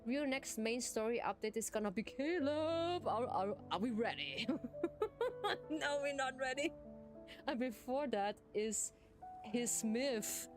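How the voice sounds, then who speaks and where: With game music behind her, a streamer whose first language is German talks slowly with viewers in a relaxed chat. She's giggly and laughs a lot, her voice on the high side and animated.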